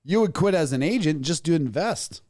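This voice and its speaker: A man's voice: fairly high pitch, animated, brisk, darkish tone. A man in a casual podcast chat, joking around and laughing often.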